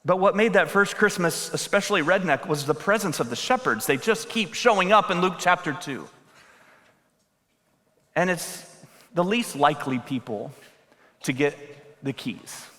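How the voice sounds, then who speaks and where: A man preaching into a pulpit microphone, his voice sitting a little high. The sound carries a long reverb from a large hall. He talks in a loose, joking way and rises into emphatic calls to his listeners. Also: expressive, normal speed, long pauses, sharp tone. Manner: conversational and joking, building to emphatic appeals. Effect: speaking into a pulpit microphone. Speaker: pastor. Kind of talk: sermon. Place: church sanctuary.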